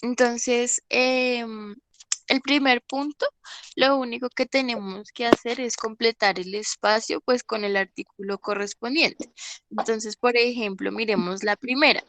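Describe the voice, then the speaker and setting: Slow, patient woman teacher on a call. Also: fairly high pitch, steady tone, noisy background. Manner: patient, checks understanding with frequent "¿listo?". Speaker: English teacher. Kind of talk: online class explanation.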